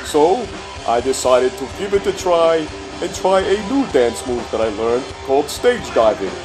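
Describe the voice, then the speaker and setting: A man's voice: medium pitch, big pitch swings, unhurried, rough recording. An older man giving comic narration over videos in a grumpy, folksy, complaining way with dry exaggeration. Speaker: comic commentator. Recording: music behind the voice.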